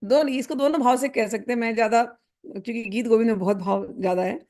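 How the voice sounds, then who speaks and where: A woman giving a devotional discourse. She chants verses slowly and then explains them expressively. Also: on the high side, warm tone. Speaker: devotional scripture expounder.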